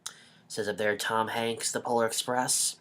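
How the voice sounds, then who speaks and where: A man's voice: fairly low pitch, little pitch movement, moderate pace, a bit bright. A young man giving a chatty, rambling video review of a DVD he is fond of.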